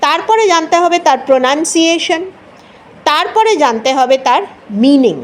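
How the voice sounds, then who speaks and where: A woman's voice: sits high, lively intonation, moderate pace. A woman with a Bengali accent teaching an English word, patiently repeating each sound and mixing English into her Bengali. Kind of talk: explanatory lesson.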